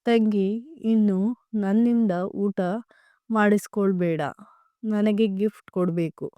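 A woman's voice: medium pitch, fairly even intonation, slow pace, mellow, clean tone, dry recording, close to an everyday voice. A woman voicing a playful young man who teases his younger sister in a storybook tale. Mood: excited. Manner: joking, teasing. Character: young man, teasing playful older brother.

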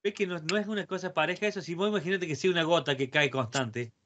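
A man with an Argentine accent teaches guitar online over a video call, his voice a little high and his pace quick. He coaches the student and chants repeated syllables to count out rhythms, with guitar playing and noise in the background.

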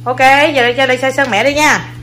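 Young mom, casual vlog; coaxes her kids with quick repeated commands, higher voice. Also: steady tone, a bit bright, faint music behind. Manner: coaxing, playful, repeats short commands to children. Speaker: mother filming her young children. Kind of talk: casual family vlog, talking to viewers.

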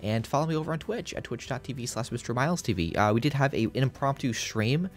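A man's voice: mid-range voice, animated, fast, soft background music. A man casually commenting on his game playthrough, rambling with lots of fillers and restarts in a groggy morning voice. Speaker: let's play host.

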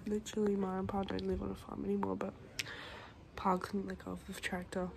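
A woman's voice: medium pitch, completely flat delivery, a little fast, vocal fry, a crowd in the background. A young woman chatting casually in a vlog, playful and dramatic, swearing freely. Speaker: vlogger. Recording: noisy handheld outdoor audio.

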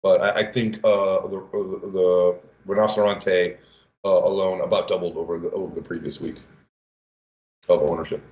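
A man from the game team sharing player stats on a livestream, halting with many fillers. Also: sits low, level tone, darkish tone. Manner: halting, many uhs and restarts. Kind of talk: casual livestream chat. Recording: echoey room, dull lo-fi audio.

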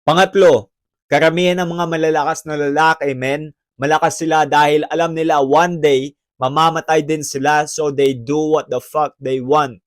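A man's voice: on the high side, fairly even intonation, moderate pace. A man giving brash, emphatic advice in a preachy bro tone. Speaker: self-help vlogger. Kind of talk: motivational advice talk, mixing Tagalog and English.

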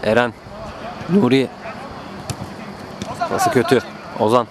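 A man doing live play-by-play football commentary, excitable, with calls that rise to drawn-out screams at goals. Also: a crowd in the background. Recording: noisy outdoor pitch, background ambience.

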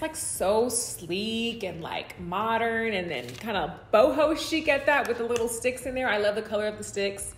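Her voice is mid-range and a bit bright: a woman in her thirties with an American accent, vlogging about home decor from a room at home. She chats informally to camera, often saying "like" and "you guys," with roomy indoor echo and a little hiss or hum.

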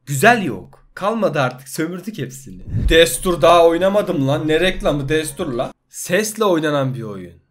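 A man giving loud, joking commentary while playing mobile games. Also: fairly high pitch, big pitch swings, moderate pace, few pauses, slight background noise. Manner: loud, jokey, swearing, exclaiming at the game. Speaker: gaming youtuber. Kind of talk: let's play commentary.

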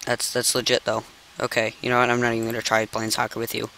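A man's voice: mid-range voice, monotone, fast talker, creaky, sharp tone, a little hiss or hum, poor audio. A young man hosting a game commentary video, exasperated and incredulous, repeatedly exclaiming "no" as he plays at his computer. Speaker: gaming channel host. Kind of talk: let's play commentary.

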